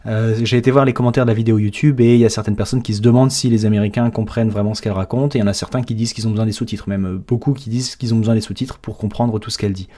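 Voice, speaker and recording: A man's voice: lowish voice, fairly even intonation, racing, hardly any pauses, dark tone. A French-speaking man coaching English pronunciation, breaking down each sound step by step in an explanatory lesson.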